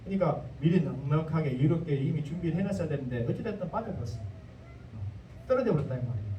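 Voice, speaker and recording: A man's voice: a little high, animated, quick pace, muffled recording, a little hiss or hum. A male pastor with a Jeolla accent preaching a sermon in a folksy, joking manner with dialect asides. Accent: Jeolla Korean. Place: church sanctuary. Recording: echoey church hall, mic at a distance.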